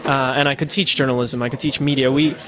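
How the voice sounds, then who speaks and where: In the Netherlands, a US podcaster who also works as a citizen journalist talks through interview questions in a relaxed, reflective way, often using fillers and starting over. He speaks quickly in a steady, medium-pitched voice with a fairly bright tone.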